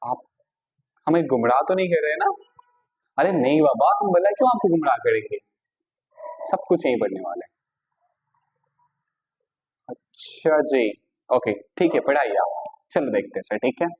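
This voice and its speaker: A man with an Indian accent teaching an English grammar lesson at a board, mixing Hindi and English, dictating example sentences slowly and bantering with imagined students' questions. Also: mid-range voice, sing-song, breathy edge, highs cut off. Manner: mixes Hindi and English, repeats "theek hai sir", dictates sentences slowly.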